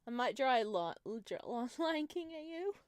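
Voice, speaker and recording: A woman's voice: sits high, sing-song, unhurried, clean tone, dry recording, studio quality. A woman let's player reading visual novel narration aloud and breaking off into casual commentary. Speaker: let's play streamer. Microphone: wearing headphones.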